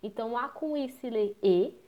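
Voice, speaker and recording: A woman's voice: on the high side, normal speed, dull audio. A woman with a Brazilian Portuguese accent, explaining French pronunciation rules as a teacher and answering her own questions. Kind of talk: pronunciation lesson.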